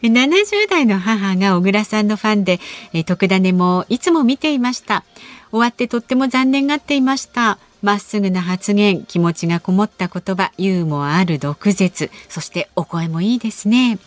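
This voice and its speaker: A woman's voice: mid-range voice, animated, normal speed, no room sound. A woman co-hosting a radio talk show, reading listener mail and chatting with a laugh. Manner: bright, laughs easily, reads listener mail. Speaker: radio announcer co-host. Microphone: studio microphone.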